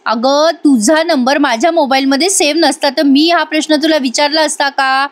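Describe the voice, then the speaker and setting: A curt, short-tempered husband who snaps at his wife, as a woman narrator reads his lines. The voice stays high and close to her own, with no deepening for the man. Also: steady tone, moderate pace, close to an everyday voice. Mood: irritated. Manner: snapping, impatient.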